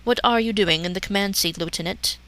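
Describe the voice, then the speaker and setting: A woman voicing a cool, logical male alien science officer, measured and deadpan, in a parody story reading. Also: mid-range voice, close to an everyday voice. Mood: cool approval.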